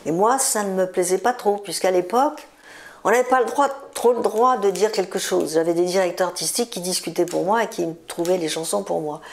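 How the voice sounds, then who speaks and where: Gravelly-voiced woman in her seventies. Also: on the low side, brisk, a little mellow. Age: 70s. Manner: chatty, repeats words for emphasis, laughs between stories. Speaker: singer being interviewed. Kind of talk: relaxed interview storytelling.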